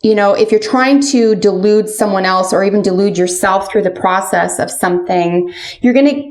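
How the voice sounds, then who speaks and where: A woman's voice: medium pitch, moderate pace. A woman fortune teller doing a casual spoken tarot and oracle card reading, addressing the listener directly. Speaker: tarot reader.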